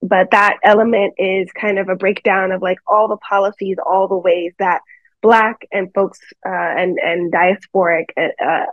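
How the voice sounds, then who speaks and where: A young woman organizer speaking unscripted on a webinar from home, halting with many fillers and restarts. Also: mid-range voice, steady tone, no echo. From United States. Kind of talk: unscripted panel remarks. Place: home, seated by a staircase. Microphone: phone or laptop on a video call. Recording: dull lo-fi call audio.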